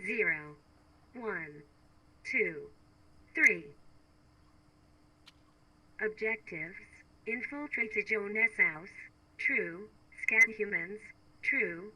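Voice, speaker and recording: A robot girl whose operating system is booting up. The voice is slow, sharp and bright, reading each status line in a flat, clipped machine manner, like a video game computer restarting. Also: mid-range voice, heavily acted, poor audio. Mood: booting robotic.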